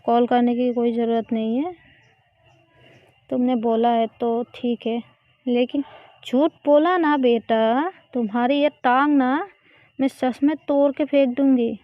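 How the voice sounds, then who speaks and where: A stern, nagging middle-aged mother, as a woman storyteller puts her on, scolding loudly with a sarcastic edge. Her voice sits high and close, dry and a little muffled. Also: fairly even intonation, measured pace, long pauses, no room sound, close to an everyday voice.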